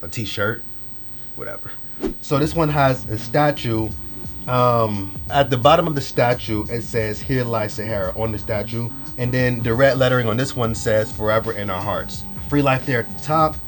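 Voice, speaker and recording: This fashion vlogger is a young man with a cold, his voice stuffy and nasal as he casually rambles through a clothing haul. Expect heavy slang and fillers in a laid-back, mid-range voice at a moderate pace, with faint background music.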